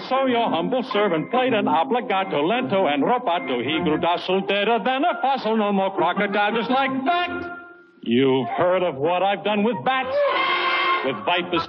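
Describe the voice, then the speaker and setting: A grandiose exterminator piper rattles off rhythmic boasts in a 1950s musical. His voice is high and theatrical, on a dull old soundtrack with loud music. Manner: grandiose, rhythmic patter, singing and declaiming. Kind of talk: 1950s musical film acting.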